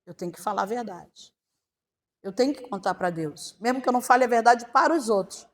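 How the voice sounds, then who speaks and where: A middle-aged woman pastor with a Brazilian accent, preaching a sermon with passion, swinging between loud and hushed and acting out prayers in her own voice. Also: a little high, fairly quick. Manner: acts out prayers in quoted first person. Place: church hall. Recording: long church-hall reverb.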